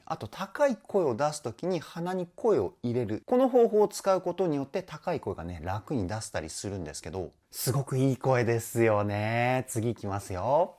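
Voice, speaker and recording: A woman's voice: very deep voice, a little mellow. A woman working as a vocal trainer gives an enthusiastic commentary analyzing a song and breaks in with short sung demonstrations.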